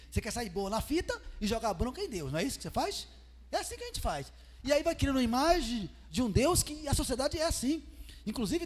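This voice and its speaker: A man with a Brazilian Portuguese accent preaching a sermon as pastor, asking the congregation questions and dropping from loud emphatic reading to soft, low asides. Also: breathy edge. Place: church hall. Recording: church hall reverb.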